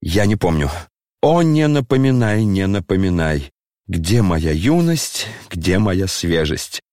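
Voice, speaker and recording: A man voicing a maudlin, grandiose old retired general, speaking slowly and declaiming in lament, in an audiobook reading. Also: sits low, sing-song, a little mellow, no echo, studio quality, pitched below the performer's own voice, heavily acted.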